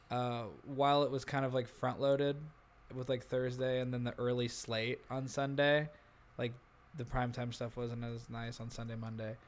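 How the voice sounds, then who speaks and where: A man co-hosting a casual podcast, stumbling through restarts and fillers as he talks. His pitch sits in an ordinary middle range for a man. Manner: halting, many restarts and fillers, swearing. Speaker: podcast co-host. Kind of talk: casual chat.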